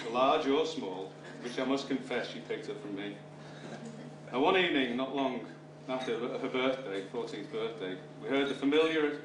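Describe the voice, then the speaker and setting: A middle-aged or older British man giving a father of the bride wedding speech with dry, wry humour. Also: mid-range voice. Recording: roomy, distant microphone, clear background noise. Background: room noise and guests laughing.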